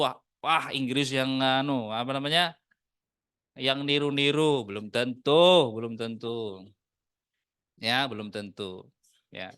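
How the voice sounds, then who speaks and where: In a mosque study room, an Indonesian-accented man runs a laid-back Arabic lesson, weaving Arabic phrases into easygoing Indonesian with jokes on the side. His mid-range voice sounds clean, and the recording is dry with clean studio sound.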